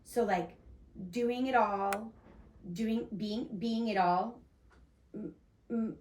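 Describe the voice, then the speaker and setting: A woman's voice: on the high side, takes it slowly, darkish tone, a little hiss or hum. A woman hosting a podcast, explaining her faith-based ideas earnestly, with frequent restarts and fillers. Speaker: podcast host. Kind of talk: casual faith-based discussion. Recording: echoey room, mic at a distance.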